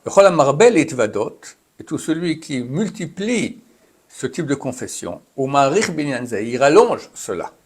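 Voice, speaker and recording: A man's voice: medium pitch, sing-song, a little slow, breathy edge. A man giving a religious lesson, reading Hebrew phrases aloud and explaining them in a chatty, conversational way. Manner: reads Hebrew text then translates and explains, chatty asides. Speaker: rabbi teaching a class. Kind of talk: Torah lesson, explaining texts.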